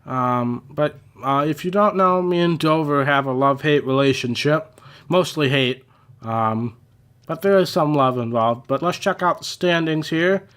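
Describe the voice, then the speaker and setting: A young man giving casual, rambling commentary over his racing game, a little hoarse and self-deprecating, with many fillers. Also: a little high, a little slow, a bit bright. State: slightly losing his voice. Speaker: gaming channel host.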